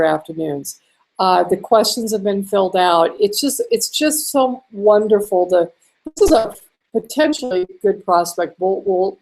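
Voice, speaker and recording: A woman walking through a screen-share marketing tutorial in a chatty way, a little hoarse and clearing her throat now and then. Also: medium pitch, darkish tone. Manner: chatty, with fillers and small laughs. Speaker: online marketing instructor.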